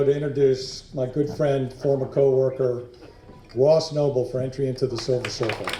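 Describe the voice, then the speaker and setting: A man with a fairly high voice introduces an honoree at an awards luncheon, friendly and lightly joking. He speaks into a microphone in a big echoing hall. Background noise is clearly audible behind him. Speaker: award presenter. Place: large banquet hall.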